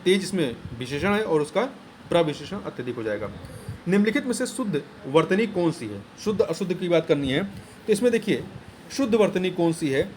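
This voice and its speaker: Exam tutor, male, high-pitched, methodical and repetitive delivery, faint noise under the voice. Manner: explains step by step, repeats key words, plain teaching tone. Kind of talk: exam answer explanation lesson.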